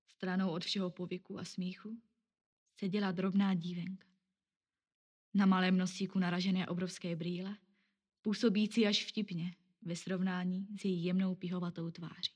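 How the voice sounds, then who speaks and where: A woman narrating a story aloud in a calm, measured, scripted reading. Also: on the low side.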